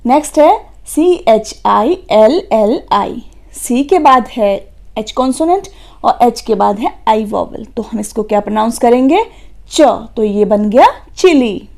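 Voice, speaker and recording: A woman teaches phonics to children at a deliberate, unhurried pace. Her voice is mellow and slightly high, and she spells each word out letter by letter before asking and answering her own questions. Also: creaky. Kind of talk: kids' phonics lesson.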